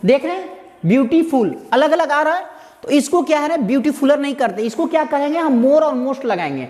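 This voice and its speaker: A man teaching grammar, who asks his students rhetorical questions and answers them himself, and repeats and spells out words slowly. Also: extremely high pitch, expressive, darkish tone. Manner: slow, repetitive explaining with spelled-out words. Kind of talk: explaining lesson to students. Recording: echoey room with faint background noise.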